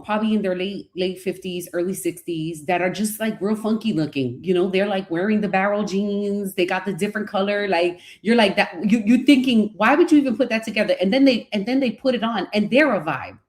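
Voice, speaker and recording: A woman's voice: mid-range voice, moderate pace, a little mellow. Chatty woman podcast co-host. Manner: chatty, hesitant fillers, enthusiastic. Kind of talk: casual chat.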